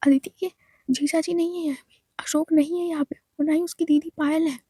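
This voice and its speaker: A woman's voice: high-pitched, fairly even intonation, fairly quick, warm tone, no room sound, clean studio sound, natural voice. A woman voicing an anxious middle-aged mother who fires off worried questions in a storybook reading.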